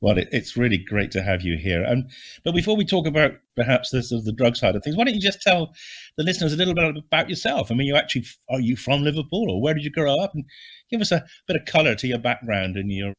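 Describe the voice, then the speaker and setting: An older man from Bristol hosts the interview, asking friendly, probing questions in a loose, rambling way. His voice sits at an ordinary middle pitch for a man. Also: very animated, quick pace, a bit bright. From Bristol, England. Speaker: podcast host. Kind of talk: interview hosting.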